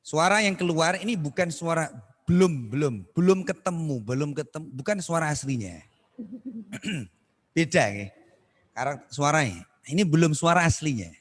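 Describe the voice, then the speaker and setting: A man teaching Quran recitation on a video call, correcting students and demonstrating verses in a slow, drawn-out chant. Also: on the high side, expressive. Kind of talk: online Quran recitation lesson.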